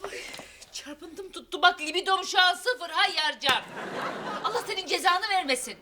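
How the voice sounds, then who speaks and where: An actress playing a dramatic, fussy middle-aged wife who complains melodramatically. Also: female voice, extremely high pitch, moderate pace, background noise. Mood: scolding.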